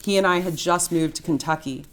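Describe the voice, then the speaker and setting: A woman's voice: fairly low pitch, a little fast. A woman author reading her memoir aloud at a university event, in a dry, wry storytelling manner. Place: university writing center.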